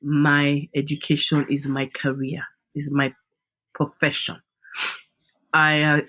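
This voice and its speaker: Middle-aged Nigerian woman, Nigerian accent, emphatic interview guest. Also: deep voice. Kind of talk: podcast interview.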